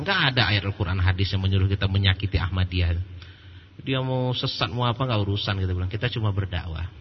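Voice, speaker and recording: A male preacher giving a religious lecture in a lively storytelling way, acting out quoted voices and laughing at his own jokes. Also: lowish voice. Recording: muffled lo-fi recording with faint background noise.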